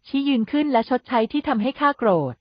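A woman's voice: high voice, quick pace, no echo, voice pushed up, natural voice. A woman reading as a stern male clan lord. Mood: cold stern. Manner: cold, commanding. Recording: dull dry lo-fi recording.

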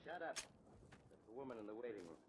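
A man's voice: mid-range voice, very animated, fairly quick, lightly acted. An actor playing a fretful, scheming man in an old-time radio mystery, urgent and theatrical. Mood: irritated, bossy. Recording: very noisy old radio recording.

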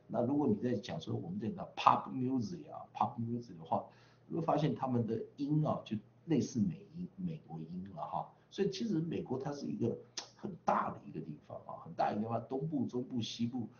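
A man's voice: medium pitch, very animated, fairly quick, reverberant, muffled recording, slight background noise. A man from the western United States teaching English pronunciation online, chatty, drawing out vowel sounds in drills with frequent tag particles.

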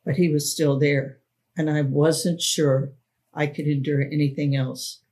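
A woman author and podcast host reading her own memoir aloud in a solemn, deliberate way. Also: deep voice, little pitch movement, a little mellow. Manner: slow, solemn, deliberate storytelling.

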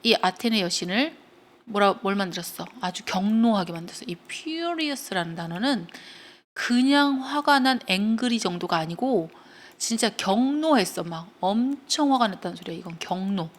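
A woman's voice: mid-range voice, expressive, moderate pace. A woman teaching English grammar to students, explaining step by step and checking in with them often as she retells a story.

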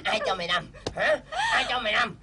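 An actor voicing a cruel old male villain in a fairy-tale drama, shouting and cackling with wild leaps in pitch. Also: wildly swooping pitch, brisk, heavy background noise. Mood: furious.

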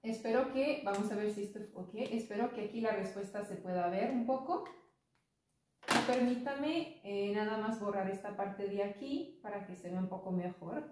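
A woman teaching an English lesson, explaining slowly and patiently. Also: medium pitch, mellow, distant mic, slight background noise. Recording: echoey room, voice from off-mic.

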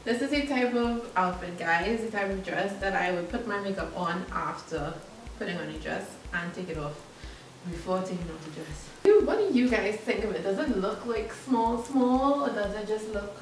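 A young woman talks her way through a clothing try-on haul, chatty and giggly with a self-conscious edge. She sounds set back from the camera in a roomy, echoing space. A clear hiss of noise sits behind her. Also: mid-range voice, lively intonation, moderate pace. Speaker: vlogger. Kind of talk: casual try-on haul chat. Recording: echoey room from far off.

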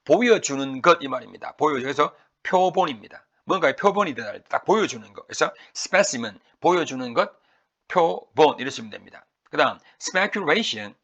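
Gravelly Korean vocabulary teacher drilling words. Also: male voice, fairly high pitch, animated, a bit bright, lo-fi sound. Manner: drills pronunciation with repeated words, stretched slowly; asks and answers his own questions. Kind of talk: recorded vocabulary lecture.

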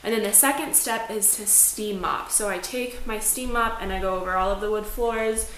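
A woman's voice: mid-range voice, normal speed, a bit bright. Chatty young woman in an echoey apartment. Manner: chatty, upbeat, says "like" often. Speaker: lifestyle vlogger. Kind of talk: casual cleaning vlog narration. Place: small apartment living room, indoors. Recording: echoey room, faint room noise.

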